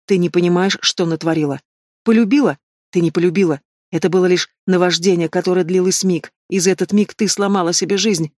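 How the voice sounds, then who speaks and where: A man's voice: high-pitched, steady tone, brisk, darkish tone, no room sound, clean studio sound. A man reading an audiobook voices a stern, cold noble mother who speaks curtly and gives orders. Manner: curt, commanding.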